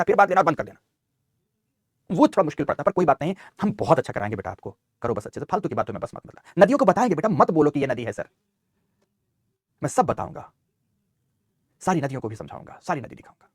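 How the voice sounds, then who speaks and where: A man's voice: fairly high pitch, no echo, clean studio sound. A man teaching a geography map lesson. He repeats key terms and calls his students "beta". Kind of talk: online map lecture.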